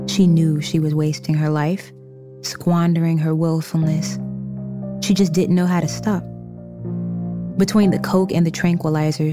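A woman reading a scripted story narration in a measured storytelling manner. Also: sits low.

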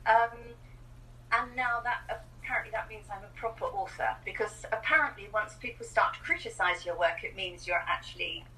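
A woman in her sixties from New Zealand, an author chatting as a guest with a lively, self-deprecating way of telling stories. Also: mid-range voice, moderate pace. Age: 60s. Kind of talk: casual interview chat. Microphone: remote video call. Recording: distant call audio with faint noise.

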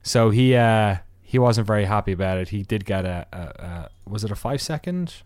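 Man with a smooth, dry voice recapping a race. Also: on the low side, lively intonation, normal speed, darkish tone, no room sound. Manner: rambling with many fillers and restarts; wry asides. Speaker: podcast host.

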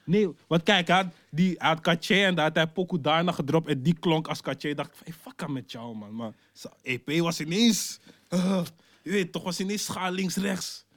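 A young man co-hosting a casual music chat, slangy and laid-back, often trailing off low at the ends of his lines. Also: normal speed, a bit bright, dry recording, studio quality. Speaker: podcast co-host.

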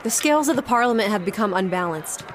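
An actress playing a brisk, blunt young woman who leads a team of investigators in an audio drama. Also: mid-range voice, expressive, over loud music, close to an everyday voice. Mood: earnest. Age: young adult. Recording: clear outdoor dockside noise behind.

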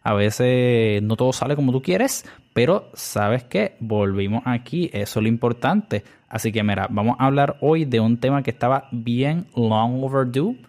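A young man with a Puerto Rican accent talks through his podcast in a loose, chatty way. He leans on fillers and slips English words into his speech, at a middle pitch for a man. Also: moderate pace, hardly any pauses, a little mellow. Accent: Puerto Rican Spanish. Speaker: podcast host. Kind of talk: casual podcast monologue.

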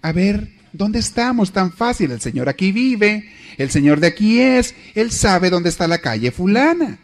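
Guy putting on a chatty wife voice, up high and a bit louder, coaxing her husband along, acted out inside a class talk. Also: very animated, normal speed. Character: nagging wife giving directions, adult woman.

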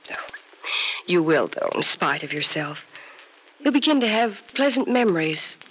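An actress playing a gentle, bereaved young nurse in a 1940s radio soap opera, consoling in an earnest, wistful, measured way. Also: female voice, lowish voice, very animated, husky, heavily acted, low-quality recording. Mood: tender consoling. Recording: old radio recording with faint noise.

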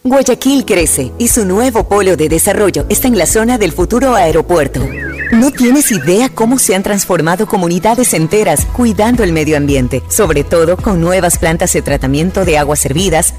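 A woman's voice: on the low side, lively intonation, moderate pace, a little mellow, faint music behind. A woman reading a development commercial in a promotional manner. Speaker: ad announcer. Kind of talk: scripted commercial.

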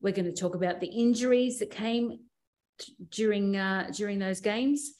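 A woman with an Australian accent hosting a sports podcast, brisk and steering the talk with questions. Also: mid-range voice, a little mellow. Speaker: podcast host.

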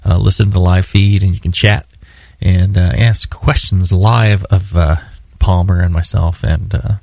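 Man, podcast co-host, deep-ish, gravelly, rambling, filler-heavy, dry studio sound. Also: steady tone, unhurried, darkish tone, no room sound. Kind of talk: casual podcast chat.

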